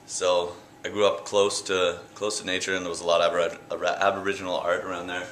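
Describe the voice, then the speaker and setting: A young man with a low, unhurried voice talks loosely about his art, pausing on fillers and restarting phrases. He is recorded on a camera close by inside an echoey gallery, with a faint hum of ambience behind. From Canada. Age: young adult. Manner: relaxed, rambling, with fillers and restarts. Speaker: painter interviewed at his exhibit. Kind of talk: casual interview answers. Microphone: handheld camera close by.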